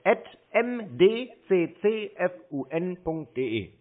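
A scam baiter answers a fraudulent call and strings the caller along, acting dumb, stalling, and teasing. His high voice is sing-song and unhurried, heard over a tinny phone connection in this prank call.

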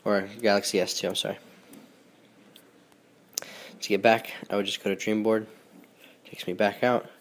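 Nasal, low-voiced man with a cold. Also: moderate pace, creaky, long pauses, a little hiss or hum. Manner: relaxed, chatty, with frequent ums and restarts. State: sick with a stuffy nose. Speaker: host. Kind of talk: casual phone tutorial walkthrough.

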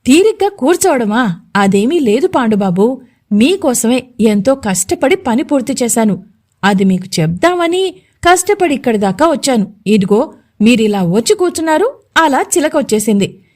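A woman voicing a scheming lowly male servant who fawns and pleads with his master in an audio story. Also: sing-song, normal speed, darkish tone. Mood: pleading. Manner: fawning, pleading, gossipy.

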